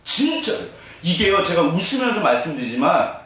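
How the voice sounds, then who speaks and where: Animated pastor preaching in an echoing sanctuary. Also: male voice, on the high side, normal speed. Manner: humorous, self-deprecating, animated with laughter. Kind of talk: sermon. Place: church sanctuary. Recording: roomy echo, voice from a distance.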